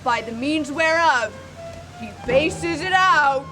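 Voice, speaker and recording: A woman playing a cheeky, scornful young serving boy in a deliberate, mocking Shakespearean stage monologue in olde speech. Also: high voice, lively intonation, music in the background, low-quality recording. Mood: wry, scornful.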